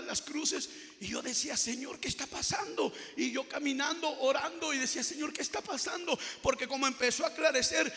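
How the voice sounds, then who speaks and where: A male pastor preaching a sermon, moving between shouted, sung-out exhortation and quiet storytelling. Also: very high-pitched, creaky, big-room sound.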